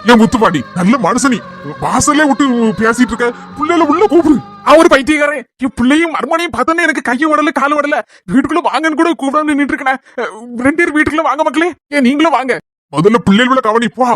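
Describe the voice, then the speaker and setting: A man voicing a gentle, fussing elderly father in a cartoon, with a Kanyakumari Tamil accent. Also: very high-pitched, quick pace, no echo. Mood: doting. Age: older. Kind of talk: cartoon voice acting.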